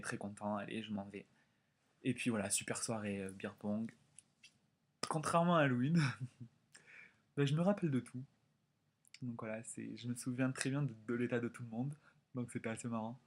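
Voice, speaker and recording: A young man in his twenties from France telling a story in a casual vlog, animated and chatty with lots of quoted dialogue. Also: medium pitch. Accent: French. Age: 20s. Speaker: vlogger.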